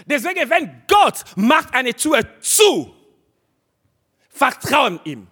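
A man's voice: extremely high pitch, sing-song, takes it slowly, pushed and bright. A man preaching a sermon, speaking straight to his listeners and hammering home short, repeated exhortations. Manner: addresses listeners directly.

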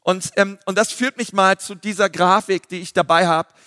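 A man, a pastor giving a lively sermon full of fillers. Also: high voice, normal speed, dry recording, clean studio sound, long reverb tail. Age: 30s. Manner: lively preaching with filler words.

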